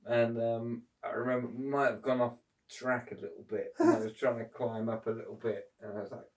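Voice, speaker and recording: A man's voice: mid-range voice, little pitch movement, brisk, a little mellow. A middle-aged man reminiscing with his family at home, laughing as he recalls a shared adventure. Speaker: son recalling shared memories. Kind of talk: casual family chat. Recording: voice distant from the mic.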